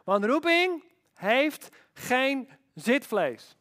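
A man preaching a sermon as pastor, emphatic and animated, with rhetorical questions. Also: very high voice, drawn-out words.

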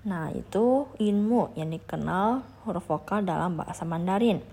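A woman's voice: fairly low pitch, lively intonation, normal speed, gravelly, dark tone, breathy edge. A young adult woman teaching a patient beginner language lesson, leading listeners through repetition drills. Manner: patient, repeats drills, asks listeners to follow along.

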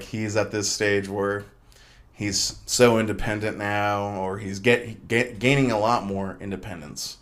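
A young man hosting his own podcast, talking casually in a rambling, chatty way full of fillers and restarts. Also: fairly low pitch. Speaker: podcast host. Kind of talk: casual solo podcast monologue.

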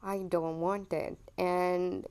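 A mellow, fairly low female voice with little pitch movement, moving at a slow pace. The speaker is a young podcast host from India whose Indian English accent drifts toward American, and her personal monologue is hesitant, laced with ums and self-corrections.

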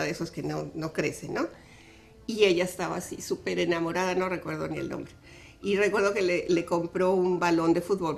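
A middle-aged woman with a Mexican accent hosting a live radio talk show, telling family stories in an animated way. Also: lowish voice, gravelly. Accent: Mexican Spanish. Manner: animated storytelling, acts out dialogue, laughs often.

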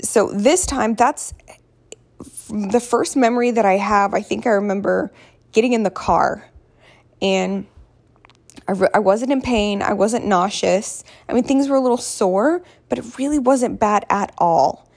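A woman talks casually as if recounting her day to a friend. Her voice is hoarse, with plenty of creaky fry at an average pitch. She rambles candidly and pokes fun at herself as she goes. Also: a little slow, darkish tone. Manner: candid, rambling, self-deprecating, quotes others in dialogue. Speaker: vlogger. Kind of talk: casual personal storytelling.

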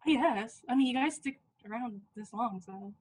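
A woman's voice: fairly high pitch, normal speed, darkish tone, slightly rough, poor audio. Young woman, casual chat, swears, laughs, self-mocking.

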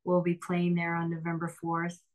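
Upbeat woman in an interview, lowish voice, lots of ums and laughs. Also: monotone, moderate pace, low-quality recording. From Pennsylvania, Lehigh Valley. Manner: chatty, upbeat, often laughing, frequent fillers. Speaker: singer and bandleader, interview guest. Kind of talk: casual interview conversation.

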